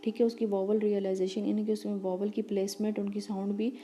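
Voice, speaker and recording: A woman teacher giving a lecture, reading English lines slowly and explaining them quickly in between, with fillers and restarts. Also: medium pitch, flat delivery, dark tone, slight background noise.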